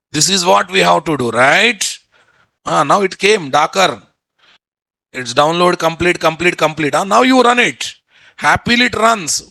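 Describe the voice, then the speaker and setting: This middle-aged software instructor has a Telugu Indian accent and a high, gravelly voice with a sharp edge. He teaches an informal online class over a video call from an indoor room, speaking bluntly, repeating phrases and posing rhetorical questions. The recording is dry and rough.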